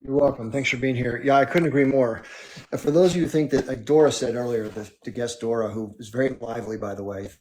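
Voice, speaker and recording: A man's voice: mid-range voice, fairly even intonation, fast, darkish tone, slight background noise. A man hosting a live stream, arguing in an emphatic way and firing off rhetorical questions. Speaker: livestream host. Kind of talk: heated political monologue.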